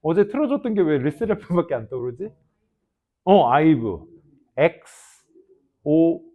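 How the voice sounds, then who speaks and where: A man teaching an English grammar class, joking and teasing his students in a slangy way, often switching between loud calls and mumbled asides. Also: fairly high pitch, big pitch swings, unhurried, narrow, tinny audio. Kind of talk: lively classroom lecture.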